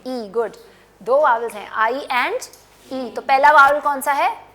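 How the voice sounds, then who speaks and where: A woman's voice: high-pitched, pushed and bright. A woman English teacher giving a classroom phonics lesson, stretching and repeating words for her students. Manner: drawn-out, emphatic word repetition.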